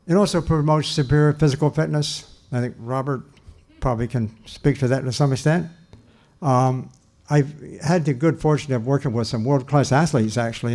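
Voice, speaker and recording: A man's voice: medium pitch, darkish tone. An older man giving a public lecture in a church, earnest and emphatic, repeating his key points and restarting sentences. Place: church hall.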